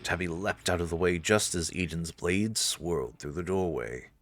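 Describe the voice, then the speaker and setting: A low-voiced man narrates a visual novel at a moderate pace, telling the scripted story dramatically over soft background music in a dry recording.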